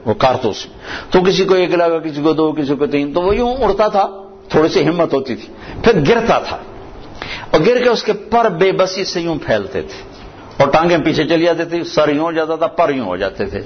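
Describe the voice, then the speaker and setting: A man's voice: on the high side, animated, lo-fi sound, a little hiss or hum. Man preaching with vivid storytelling. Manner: storytelling, recites verses, explains word by word. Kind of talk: Urdu sermon with Quranic recitation.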